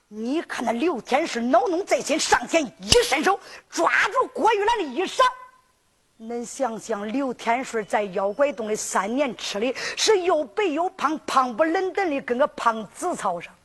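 A woman with a Henan accent performing sung folk storytelling in a lively sing-song narration. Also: sits high.

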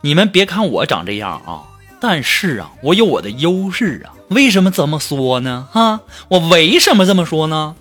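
Animated self-mocking male comedy host. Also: on the high side, moderate pace, hardly any pauses, soft background music. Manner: chatty, self-mocking, laughs while talking. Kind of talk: comic storytelling monologue.

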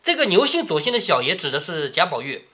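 A man's voice: fairly high pitch, big pitch swings, fast, bright, forceful tone. A man reading a classic novel aloud to his daughter and retelling each passage in plain everyday words, often stopping to check that she understands. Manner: checks understanding with frequent questions to the listener; paraphrases old text into plain everyday speech.

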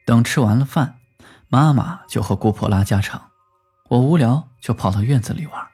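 A man narrating a first-person rural horror story in a lively storytelling manner, lifting his voice for the quoted lines. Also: mid-range voice, normal speed, husky, soft background music.

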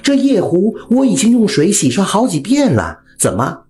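A man voicing a clever, spirited young village wife who stays composed and sharp-tongued. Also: high-pitched, huge pitch swings, moderate pace, faint music behind, pitched above the performer's own voice. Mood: mocking.

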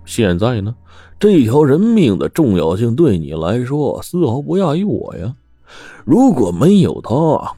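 A sly, ruthless mine boss who wheedles and gloats, his voice rising and falling a lot, as a man puts him on in a told story. The tone is dark and mellow, and the recording is dry and close with faint music underneath. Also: low voice, no echo, exaggerated voice. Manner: oily, smug and wheedling. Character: scheming, ruthless middle-aged male mine boss.

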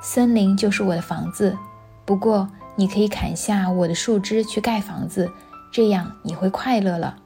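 A woman's voice: mid-range voice, normal speed, gravelly, warm tone, soft background music, natural voice. A woman voicing a tender, giving old tree. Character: gentle self-giving tree, loving and tender.

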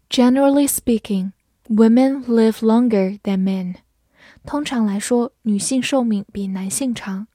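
A woman with a slightly high, mellow voice teaches English vocabulary at an unhurried pace. She is patient and sounds out each phrase slowly for learners to repeat. The recording is dry and close. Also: no room sound. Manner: patient, slows down to model pronunciation. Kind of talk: vocabulary lesson.

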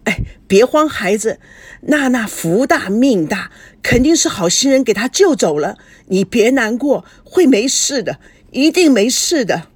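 A woman voicing a steady elderly grandfather who speaks in a measured, soothing way in a storybook reading. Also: fairly high pitch, husky, dry recording, voice pushed up, full character voice. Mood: reassuring.

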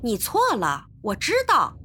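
Loud, loyal young manservant played by a woman reader, high and lively, hot-tempered, storybook. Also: unhurried, soft background music, full character voice. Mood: indignant. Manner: indignant outbursts, loud exclamations.

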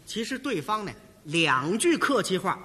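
Animated comedian with a high voice. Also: male voice, measured pace, breathy edge, in a large hall. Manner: animated, demonstrative storytelling. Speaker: crosstalk lead comedian. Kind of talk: crosstalk comedy routine.

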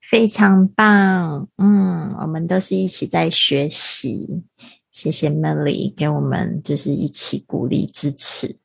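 A woman's voice: low-pitched, fairly even intonation, takes it slowly, creaky, husky, no echo. A woman hosting an online group session over a video call, informal and effusive, full of encouragement and praise. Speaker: host of online club session.

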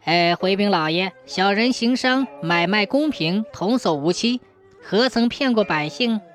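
A man's voice: sits high, lively intonation, a little slow, fairly bright tone, faint music behind. A woman voicing a rude, dishonest salt merchant with a smug manner. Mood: fawning.

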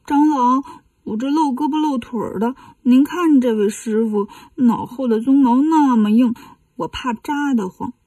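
A sly storybook demon posing as a little boy, as a woman storyteller acts him out. He pleads in a high, tearful, whiny voice. The tone is breathy and mellow, and the sound comes from a distance in a dry space. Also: moderate pace, dry recording.

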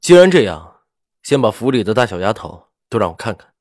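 A woman voicing a cynical, reckless young master in an audiobook, with a low, careless and curt delivery. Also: big pitch swings, a little fast, a little mellow, no room sound, clean studio sound, heavily acted. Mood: careless, flippant.

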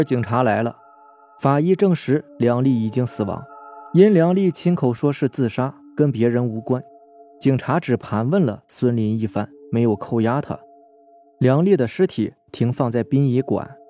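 A man narrating a mystery story in a measured, dramatic way as the show's storyteller host. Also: mid-range voice, warm tone. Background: faint background music.

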